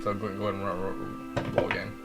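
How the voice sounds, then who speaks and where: A man's voice: low-pitched, monotone, quick pace, vocal fry. A man as dungeon master of a tabletop game, often repeating and stumbling over his words, with music behind.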